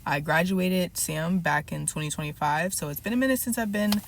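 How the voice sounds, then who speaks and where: A woman's voice: lowish voice, normal speed. A woman in her twenties, a recent graduate and producer, introducing herself in an easygoing, chatty way. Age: 20s. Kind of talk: casual self-introduction.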